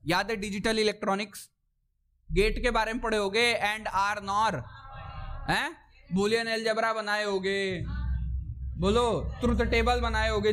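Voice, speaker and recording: A man with a very high-pitched voice lectures a physics class in speech. He talks in a loose, chatty way, repeating checks like "theek na" and teasing or scolding the students as he goes. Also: fairly bright tone. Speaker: physics teacher.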